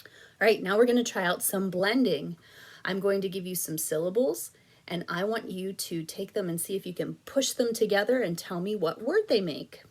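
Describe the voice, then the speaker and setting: A woman teacher giving a recorded reading lesson to young children, with slow, clear prompts and patient praise. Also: mid-range voice.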